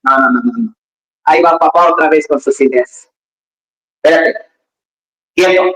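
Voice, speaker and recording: A preacher delivering a lively sermon in a loose, conversational way. The talk is peppered with joking asides and questions thrown out to the listeners, in a mid-pitched voice. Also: moderate pace, creaky, poor audio.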